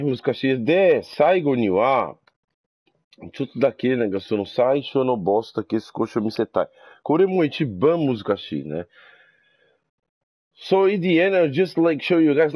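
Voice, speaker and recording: A Brazilian man streams himself playing a video game, commenting in Portuguese and English with a Brazilian Portuguese accent. His medium-pitched voice sounds exasperated and swings into loud cries of despair, with game music faintly behind him.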